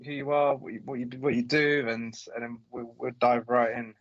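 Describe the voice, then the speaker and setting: A man's voice: medium pitch, fairly even intonation, moderate pace, highs cut off. A man co-hosting a podcast from an office, chatting casually and rambling with lots of restarts. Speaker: podcast co-host. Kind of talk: casual interview chat.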